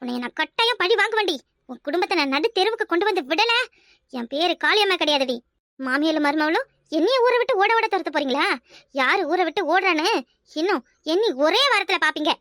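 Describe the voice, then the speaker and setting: A woman's voice: very high-pitched, lively intonation, brisk, fairly bright tone, no echo, studio quality. Kaliyamma, a woman voicing a spiteful village schemer. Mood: vengeful. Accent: Kanyakumari Tamil. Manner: spiteful, threatening, self-pitying. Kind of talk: cartoon voice acting.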